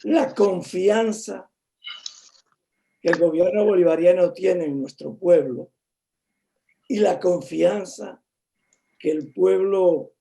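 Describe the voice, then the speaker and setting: A man in a political video-call discussion, speaking haltingly with many restarts and fillers. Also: sits high, vocal fry, warm tone. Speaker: discussion participant.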